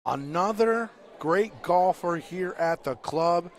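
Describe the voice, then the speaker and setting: Excited male bocce commentator. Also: sits high, takes it slowly. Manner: calm explaining, then loud excited bursts on big shots. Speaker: play-by-play commentator. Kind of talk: live sports commentary. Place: indoor bocce court.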